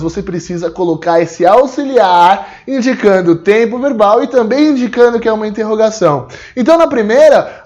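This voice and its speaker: A Brazilian Portuguese-accented man teaches English to the camera, speaking straight to the viewer. His voice sits high for a man and leaps around lively in pitch. He slows down to model each English phrase carefully. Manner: animated and explanatory, slowing down to model English phrases. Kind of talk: video lesson, direct address to the viewer.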